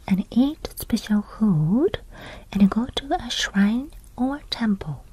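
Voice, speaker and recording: A woman with a Japanese accent whispers breathily through a gentle language lesson, speaking in short, simple, soft phrases. Her voice is slightly high, and the audio quality is poor.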